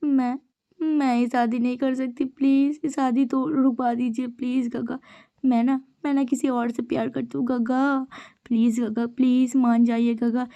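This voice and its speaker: A woman's voice: sits high, level tone, a little slow, mellow, no room sound, highs cut off. A woman voicing a young man who pines for a lost love, pleading in a weepy way, in a fan-made story retelling.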